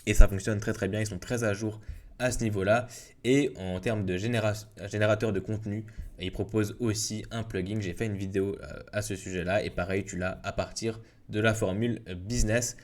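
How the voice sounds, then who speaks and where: A young man giving a casual, filler-heavy software tutorial. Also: fairly low pitch, steady tone, brisk. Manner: casual, informal, many fillers and restarts. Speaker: WordPress tutorial youtuber. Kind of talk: screen-recorded software tutorial.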